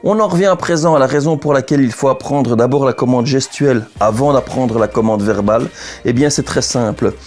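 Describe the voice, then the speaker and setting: A man's voice: mid-range voice, darkish tone. A man giving an instructional explanation as a dog trainer, didactic and repeating key points for emphasis.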